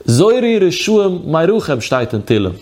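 A man's voice: on the high side, brisk, darkish tone. A man with a Yiddish accent giving a rabbinic lecture in a chanting sing-song study cadence. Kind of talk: Torah lecture on Yom Kippur fasting law.

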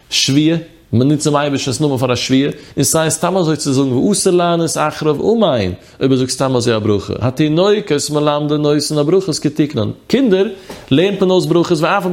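A man giving a lesson on religious law, explaining steadily and mixing study terms into his speech. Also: a little high. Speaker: religious teacher.

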